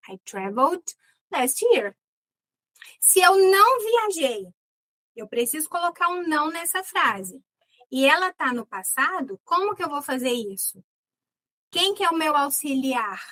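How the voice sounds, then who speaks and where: A Brazilian woman with a high, bright-pitched voice teaches English in a playful, lively way. She slows right down to drill each word. The recording is close and dry, with no room sound. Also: no echo. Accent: Brazilian Portuguese. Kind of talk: online class lesson.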